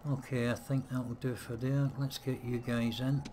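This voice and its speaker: Speaking at a moderate pace in a mid-range voice with little pitch movement, this let's-play gamer talks casually over a strategy game, chatty and muttering to himself. The close desk mic also catches a noisy background.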